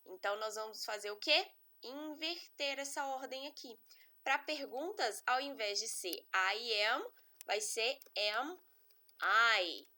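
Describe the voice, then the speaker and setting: Bright, slow-paced woman teaching. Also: fairly high pitch, lively intonation. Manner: patient, step-by-step explaining with frequent check-ins. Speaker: English teacher. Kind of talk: online lesson explaining grammar.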